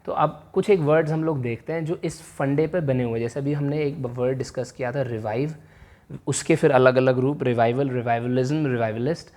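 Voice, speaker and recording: A man's voice: mid-range voice, fairly quick, dark tone. A man gives a vocabulary lesson on video, moving between Hindi and English as he talks. He restates each definition in several ways and keeps checking in with the viewer. He writes words out as he explains them. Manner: mixes Hindi and English, often checks in with "right?"; repeats and rephrases each meaning several times. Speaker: vocabulary teacher.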